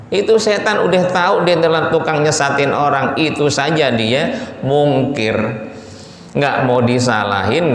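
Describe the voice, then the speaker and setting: A man giving a casual Quran commentary lesson in a mosque, colloquial and animated, often slowing to list things one by one. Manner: colloquial, animated, acts out Satan's pleading in a high voice, slows to list items. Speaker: ustadz teaching Quran commentary. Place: mosque hall. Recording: echoey mosque hall, distant mic, faint hum.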